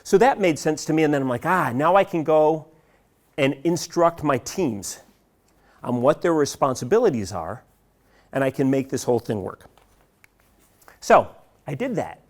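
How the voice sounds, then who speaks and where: Animated middle-aged man telling a story. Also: on the high side, moderate pace, pauses often. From United States. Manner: animated storytelling, quotes colleagues in dialogue. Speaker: seminar speaker. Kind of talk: live seminar talk with audience.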